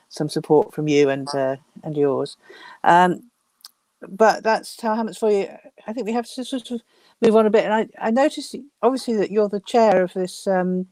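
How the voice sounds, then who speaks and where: A woman hosts a political interview over a video call. She presses her guest with sharp, rapid-fire questions. Her voice sits at an ordinary middle pitch. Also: no room sound. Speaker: interview host.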